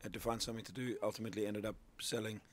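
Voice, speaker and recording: On a radio interview, a middle-aged man from Zimbabwe, a sales coach, rattles off his ideas in a rapid-fire, level-toned, lowish voice. He talks casually and restarts often, and there is slight background noise in the studio.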